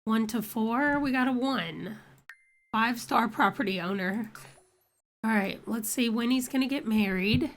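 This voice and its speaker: A woman hosts a let's play in casual game commentary, chatty as she reads out dice rolls. A cold leaves her voice congested; it's on the high side and unhurried, with no room sound.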